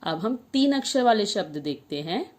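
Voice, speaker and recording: A woman teaching young children a Hindi spelling lesson, saying each word slowly and clearly. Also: mid-range voice, big pitch swings, a little mellow. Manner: slow, drawn-out word-by-word dictation.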